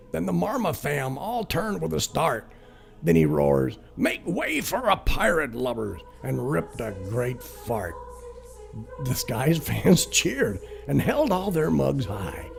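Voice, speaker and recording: A man narrates a crude, cheeky rhyming parody in a heavily gravelly voice. He takes his time, and his delivery rises and falls widely, with music playing underneath. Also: fairly high pitch, big pitch swings, slow. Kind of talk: comic rhyming verse recitation.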